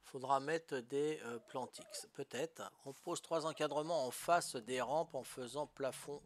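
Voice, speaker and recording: With a mid-range voice and measured pace, an older Corsican streamer talks casually through his gameplay, easygoing and frequently asking for guidance amid plenty of "hein" and "voilà". A little hiss or hum sits in the recording.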